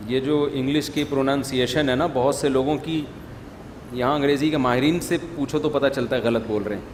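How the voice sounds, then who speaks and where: A man's voice: medium pitch, steady tone. A middle-aged man giving an informal religious talk to an audience, conversational and scolding, with many rhetorical questions. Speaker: religious scholar, preacher. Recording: long reverb, faint room noise.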